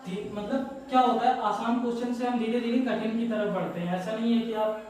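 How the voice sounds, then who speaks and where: Male maths teacher, explains each step slowly and checks in with the class, recorded far off in a very echoey room. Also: extremely high pitch, steady tone, darkish tone, a little hiss or hum. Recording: echoey room, heard from a distance.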